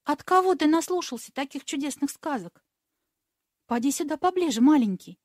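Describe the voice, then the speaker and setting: Brief: young wicked fairy, languid and mocking, higher-pitched, dark mellow tone, voiced by a woman reader. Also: animated, normal speed, dry recording, studio quality. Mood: mock-surprised. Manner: languid, teasing, condescending. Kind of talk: audiobook reading.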